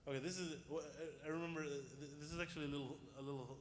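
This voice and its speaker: Higher-voiced male teacher in an echoey room. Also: steady tone, racing. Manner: questioning, explanatory, repeats key points. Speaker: Islamic teacher. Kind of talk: informal interactive religious lesson. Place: indoors in a reverberant room. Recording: echoey reverberant room, faint rumbling noise.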